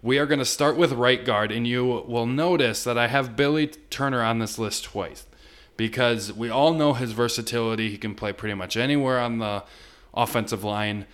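A man's voice: mid-range voice, moderate pace, a bit bright. A man hosting a casual sports podcast. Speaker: podcast host.

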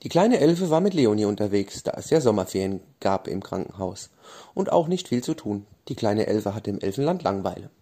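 A man reading a bedtime fairy story aloud in a gentle storytelling manner. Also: lowish voice, sing-song, brisk, breathy edge.

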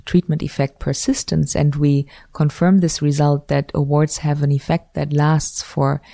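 A woman's voice: low-pitched, creaky, dark tone, no room sound, clean studio sound. A woman, a guest researcher explaining ideas thoughtfully in an interview and often correcting herself mid-sentence. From Switzerland. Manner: thoughtful, academic, frequent self-corrections. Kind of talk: conversational interview.

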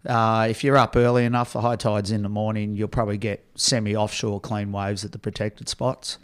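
Aussie guy doing the surf report, smooth clear voice, casual and matter of fact. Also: lowish voice, flat delivery, normal speed. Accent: Australian.

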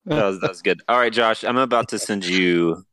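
A man's voice: fairly low pitch, fairly quick, fairly bright tone, no echo. A man on a casual podcast who runs a word game, playful and laughing, with hesitant fillers. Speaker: guest running a word game.

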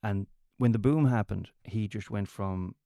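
Low-voiced man, west of Ireland accent. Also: gravelly, mellow, no echo, studio quality. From County Mayo, west of Ireland. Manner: halting, repeats words and restarts phrases often. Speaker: interview guest, comedian and entertainer. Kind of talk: casual conversational storytelling.

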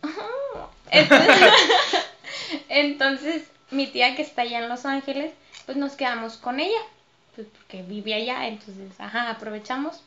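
A woman with a Mexican accent, a dancer and choreographer, telling stories as a podcast guest in a lively way, laughing often. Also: high-pitched, measured pace, dull audio. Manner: lively, laughs often, acts out her own past remarks. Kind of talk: casual interview storytelling.

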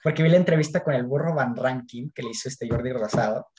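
A man's voice: mid-range voice, quick pace, darkish tone. A man with a Mexican accent, chatting casually in slang and gossiping as he retells an interview. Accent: Mexican Spanish. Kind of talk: casual chat.

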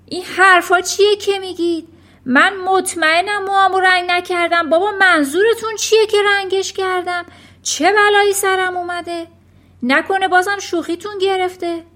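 Woman playing a blustering, vain dad, yelling high and loud. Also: steady tone. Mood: shouting panicked. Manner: shouting in panic. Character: blustering middle-aged father, vain and hot-tempered.

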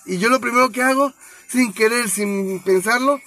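A man's voice: very high voice, normal speed, pushed and bright, faint music behind, poor audio. A young man with a Mexican Spanish accent, co-hosting a podcast in casual, playful banter full of crude slang. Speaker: podcast co-host.

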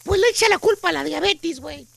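A man with a Mexican accent hosting a comedy radio show, telling a story with lots of slang and dramatic pauses. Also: very high voice, vocal fry, a bit bright. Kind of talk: comic storytelling.

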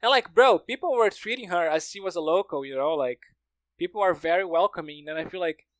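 Talking fairly quickly in a high-pitched voice, a Brazilian man who speaks Portuguese natively and is learning the language he's using on a podcast shares stories in casual conversation with a Brazilian accent, often saying "like" and "you know." There's no echo.

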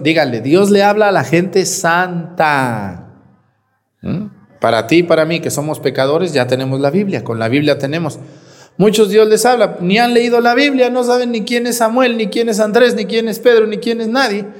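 Teasing priest in a reverberant church. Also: male voice, high voice, normal speed. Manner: scolding and teasing, with sarcastic acted-out quotes. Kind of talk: sermon at Sunday mass.

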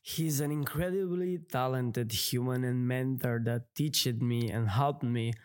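A man's voice: mid-range voice, unhurried, smooth. A man hosting a podcast, upbeat and eager, with non-native grammar in his casual interview chat. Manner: non-native phrasing, enthusiastic. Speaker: podcast host.

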